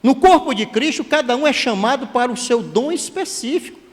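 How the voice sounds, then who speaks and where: A man, a church elder preaching a sermon in a lively, conversational way with joking asides. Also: very high-pitched, brisk. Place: church hall. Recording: long hall reverb.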